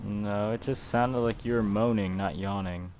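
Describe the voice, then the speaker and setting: Low-ish voiced dude gaming, dry deadpan comebacks, casual chat. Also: male voice, normal speed, slight background noise. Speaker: host, gamer.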